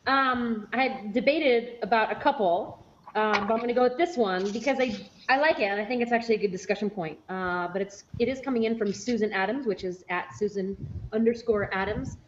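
A woman's voice: a little high, fairly quick. A woman co-hosting a casual faith-based talk show, chatty and a little hesitant, with many fillers. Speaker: podcast co-host. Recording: slightly muffled audio with faint noise.

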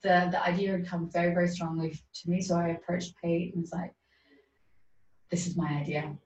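A woman, a podcast guest, telling a personal story in a casual, earnest, animated way and laughing often. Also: fairly low pitch, fast, slight background noise. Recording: roomy, distant, dull sound.

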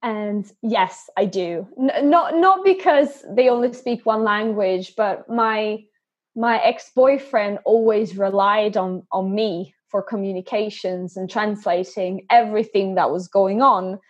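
Speaking at a medium pitch and measured pace, this woman guest, from Sweden and England, talks earnestly in a podcast interview, frequently repeating words when starting a thought. The recording sounds muffled.

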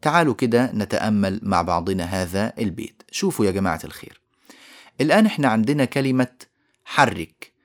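A man with an Egyptian Arabic accent giving a recorded lecture, explaining a poem on recitation. He asks questions and answers them himself, chants verse lines slowly and repeats key phrases. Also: fairly low pitch, big pitch swings.

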